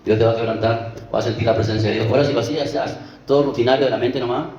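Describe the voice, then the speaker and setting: A man's voice: mid-range voice, fairly even intonation, very fast, darkish tone, dull audio. A man, preaching a conversational sermon and checking in with the congregation as he goes. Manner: conversational, keeps asking the congregation "¿vio?" and "¿sí?". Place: church. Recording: echoey church with music behind.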